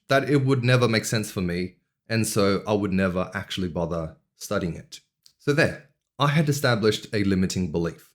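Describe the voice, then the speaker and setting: An earnest young Australian man, a vlogger whose first language isn't English, tells a reflective personal story in a low-pitched voice. His storytelling is measured, with deliberate pauses.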